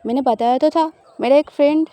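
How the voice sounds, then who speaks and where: A woman's voice: high voice, brisk, warm tone, natural voice. A woman voicing a teasing, possessive young woman lover in an audio love story. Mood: coaxing.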